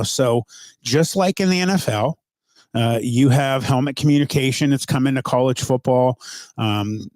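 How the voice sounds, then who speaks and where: A man hosting a sports talk show, rambling and halting with many fillers as he talks about football. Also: medium pitch, darkish tone, no room sound, clean studio sound.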